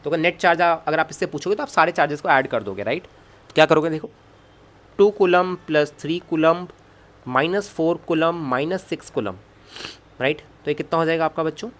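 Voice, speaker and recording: A man's voice: a little high, a little fast, a bit bright. A man teaching a physics lecture, coaxing students with constant check questions and jokey asides. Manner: jokey asides and self-talk while writing. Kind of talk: online lecture at a whiteboard.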